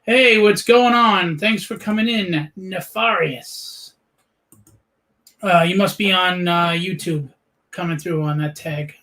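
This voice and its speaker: A man's voice: high-pitched, slow pace, sharp tone, poor audio. A man in his late forties hosting a casual interview chat, chatty and joking. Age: 40s. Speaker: podcast host.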